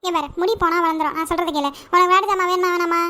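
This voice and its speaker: A woman's voice: extremely high pitch, fairly even intonation, racing, sharp tone. A woman voicing a cartoon mother who coaxes and scolds her children. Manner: coaxing, scolding. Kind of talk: cartoon voice acting.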